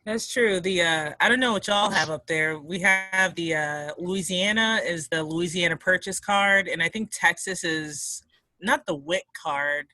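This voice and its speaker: A woman's voice: fairly low pitch, measured pace, sharp tone, dry recording, poor audio. A woman co-hosting a podcast in casual chat, rambling and swearing as she jokes. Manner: rambling, profane, joking. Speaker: podcast co-host.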